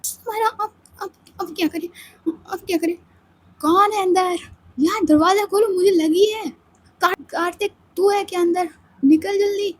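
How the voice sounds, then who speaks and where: A woman voicing an impatient young woman who loudly demands that someone open the door. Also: very high voice, steady tone, a little slow, voice pushed up. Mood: urgent. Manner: loud, pushy and demanding.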